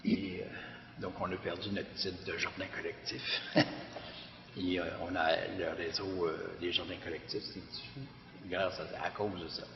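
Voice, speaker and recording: Deep-voiced Québécois man in an echoey hall. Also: level tone, measured pace. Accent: Québécois French. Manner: hesitant, many fillers and restarts. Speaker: director of a community garden organization. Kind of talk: public testimony talk. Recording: echoey hall, dull lo-fi sound.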